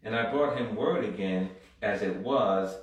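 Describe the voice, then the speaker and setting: In a church hall, a man preaches a sermon, reading scripture aloud and building to fervent exhortation full of amens and call-and-response. His fairly low voice keeps a measured pace, captured from far off in a very echoey room.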